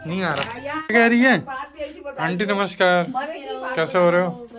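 A man's voice: high voice, moderate pace. Casual male home vlogger, sing-song baby talk to the dog, music bed behind. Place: family home. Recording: background music under the voice.

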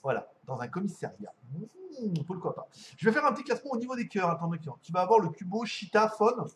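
A man's voice: high voice, big pitch swings, fast talker, a little hiss or hum. A man hosting a casual live stream from home as a tech reviewer, rambling, laughing often and swearing casually.

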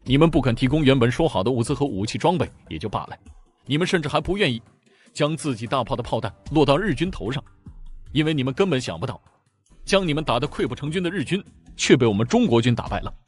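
A man voicing a cold, scornful Chinese army commander who lectures in a stern, even tone. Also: mid-range voice, fast talker, breathy edge, faint music behind.

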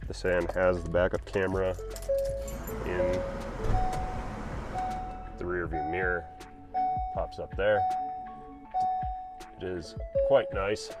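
A man's voice: deep voice, level tone, slow pace, pauses often, loud music behind the voice. A man casually walking through his camper van build, explaining plans in a plain, practical way. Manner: plain, practical, talks while pointing things out. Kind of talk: casual walkthrough narration. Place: inside a cargo van in a workshop.

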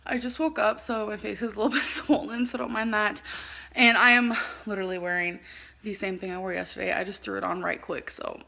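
A woman's voice: mid-range voice, steady tone, fairly quick, gravelly, sharp tone. A woman, chatting casually to her phone camera in a vlog, giggling as she talks. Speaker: vlogger. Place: parked car, home and store. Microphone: phone camera at arm's length.

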